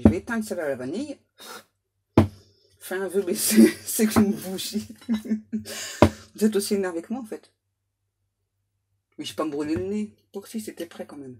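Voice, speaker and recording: A woman's voice: medium pitch, lively intonation, moderate pace, pauses often, heavy background noise. A woman medium giving a casual oracle card reading, chatty and self-mocking as she banters aloud with her spirit guides.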